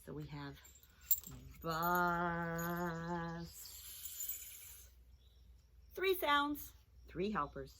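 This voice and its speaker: Woman teacher, children's phonics lesson; unhurried, clear and sing-song, a sharp bright tone. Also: medium pitch, very animated, a little hiss or hum.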